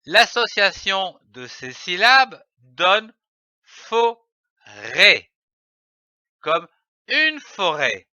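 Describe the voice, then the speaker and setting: A man teaching a reading lesson for young children, spelling out letters and syllables slowly and deliberately. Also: high-pitched, big pitch swings, bright, forceful tone, no echo. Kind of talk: slow, carefully articulated phonics lesson. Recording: dry, dull lo-fi voice-over.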